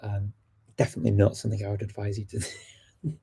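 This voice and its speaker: A man from the United Kingdom talks casually on his language-learning livestream, answering viewers' questions in a relaxed, chatty way as they come in. His lowish, gravelly voice has a breathy edge and runs a little fast.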